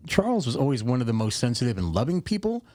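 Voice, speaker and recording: A man's voice: medium pitch, sing-song, quick pace, dark tone, no room sound, clean studio sound. A middle-aged man from Arizona, a podcast guest telling stories in a loose, joking way. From Yuma, Arizona. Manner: loose, joking, storytelling with fillers. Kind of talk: casual conversation. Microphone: close studio mic.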